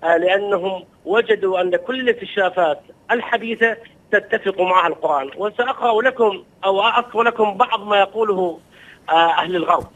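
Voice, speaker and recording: A man, a religious scholar, preaches in quick, fluent bursts with a high-set voice. He answers an interviewer, building his points with emphasis. The sound comes through dull and lo-fi. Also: fairly bright tone. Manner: fluent, quoting and retelling stories with emphasis.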